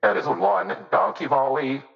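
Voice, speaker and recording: A man's voice: mid-range voice, unhurried, vocal fry. A man voicing a stern school principal making a formal announcement over the school intercom, heard on a muffled voicemail. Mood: announcing.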